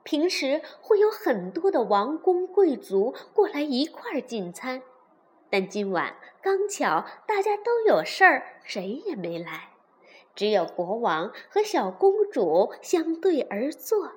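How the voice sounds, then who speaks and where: A woman narrating a children's fairy tale, gentle and expressive. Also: high voice, slow. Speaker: storyteller.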